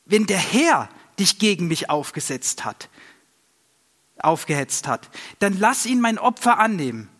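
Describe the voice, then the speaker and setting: A man's voice: sits high, big pitch swings, unhurried, fairly bright tone, pitched above the performer's own voice, heavily acted. A man voicing a bold, earnest young warrior in a storybook reading, speaking in a raised, reproachful voice. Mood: pleading. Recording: long reverb.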